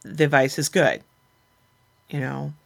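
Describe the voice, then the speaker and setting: An animated woman talks frankly as a podcast guest, voicing her own inner arguments in lively little quoted asides. The chat is casual and self-mocking. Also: a bass voice, unhurried, gravelly.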